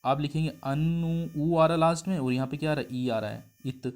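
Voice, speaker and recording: A man teaching a Hindi grammar lesson for an exam. He explains step by step, keeps asking his students whether they follow, and sounds out syllables slowly, repeating them. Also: a little high, steady tone, darkish tone. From India. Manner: explains step by step, asks the class questions.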